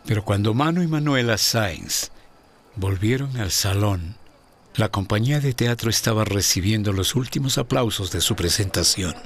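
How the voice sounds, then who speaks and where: Low-voiced man narrating an audio drama. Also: expressive, normal speed.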